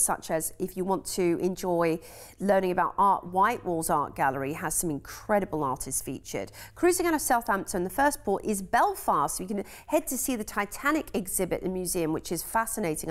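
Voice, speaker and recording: An English woman with a slightly low voice hosts a TV shopping segment. She talks in a chatty, enthusiastic way and fills her pauses with ums, recorded on a studio mic. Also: animated. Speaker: cruise sales presenter. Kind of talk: TV shopping channel presenting.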